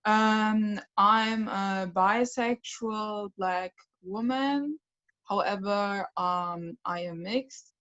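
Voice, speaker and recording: A woman, explaining calmly on a video call. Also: mid-range voice, drawn-out words, highs cut off. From Germany. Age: 20s.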